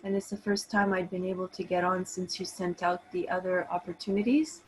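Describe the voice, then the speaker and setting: A middle-aged Canadian massage therapist calls into an online call on her laptop, no camera, chatting casually and personally. Her voice is lowish and brisk. The recording is rough, with a little hiss or hum.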